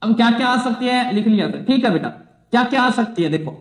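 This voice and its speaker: A man's voice: very high-pitched, lively intonation, brisk. A man teaching an exam-prep psychology lesson, repeating key phrases and asking and answering his own questions. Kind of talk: exam-prep classroom lecture. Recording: echoey room.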